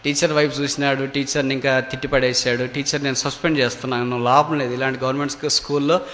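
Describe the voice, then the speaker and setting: A man with a Telugu accent preaching a sermon in a prayer hall, swinging from loud rising cries to low quiet asides. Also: flat delivery, fast talker, a little hiss or hum. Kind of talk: sermon with acted story. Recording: long hall reverb.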